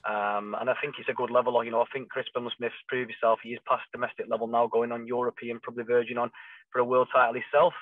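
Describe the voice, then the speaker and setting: A thin, dry, phone-like line carries a man talking as a boxing trainer. He speaks quickly and emphatically, in a casual, conversational interview style. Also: medium pitch, flat delivery, no room sound.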